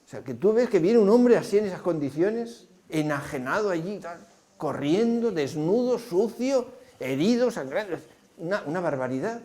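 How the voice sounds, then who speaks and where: This sermon comes from a preacher whose warm, mellow voice is pitched somewhat high. His intonation is lively and his speed normal as he brings scenes to life and keeps addressing rhetorical questions to the congregation.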